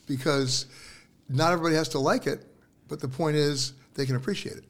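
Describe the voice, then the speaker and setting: A man's voice: on the high side, fairly even intonation, a little fast. A man hosting a travel radio show from a hotel, chatting and joking with his guests. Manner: joking, chatty, laughs often. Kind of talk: casual radio interview. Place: hotel broadcast location.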